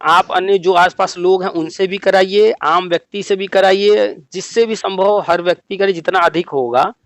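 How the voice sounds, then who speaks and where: Emphatic higher-voiced man urging listeners. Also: fairly even intonation, normal speed, dry recording. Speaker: channel host. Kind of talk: phone call chat.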